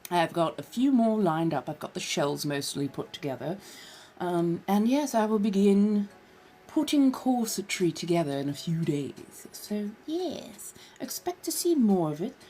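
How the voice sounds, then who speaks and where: With a dark, medium-pitched voice, she sounds very animated yet unhurried, and a little hiss or hum can be heard. The woman, from California, chats casually on a livestream in a put-on posh colonial American accent, her phrasing affected and genteel, addressing everyone as dears and darlings.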